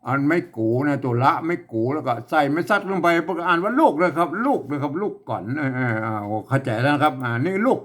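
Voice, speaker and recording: Guy teaching, kinda high voice, lots of ums and repeats. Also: animated, fast talker, hardly any pauses, fairly bright tone. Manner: repetitive, rambling, with many fillers. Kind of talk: casual spoken lesson.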